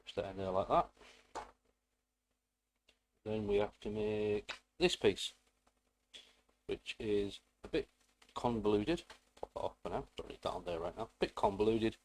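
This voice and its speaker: Low-pitched British man, rambling build tutorial. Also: expressive, measured pace, gravelly, pauses often, a little hiss or hum. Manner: rambling, self-deprecating, playful asides. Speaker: hobbyist presenter. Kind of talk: casual hands-on build tutorial.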